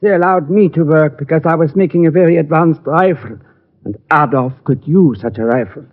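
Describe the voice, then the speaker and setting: In a 1940s radio drama, a man plays a small, polite elderly German immigrant gunmaker in his sixties who is seeking help. His fairly high voice, lightly acted and somber, delivers halting, formal English with a German accent and foreign phrasing, and the recording sounds tinny and vintage.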